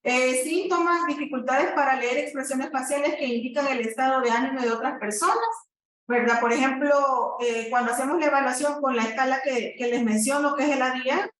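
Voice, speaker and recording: A woman's voice: high voice, fairly even intonation, brisk, fairly bright tone. A woman therapist giving a lecture, explaining at length and often checking in with the audience. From El Salvador. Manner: explanatory, frequent "¿verdad?" tags and fillers. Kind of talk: teaching presentation. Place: lecture room. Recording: echoey room, voice far from mic.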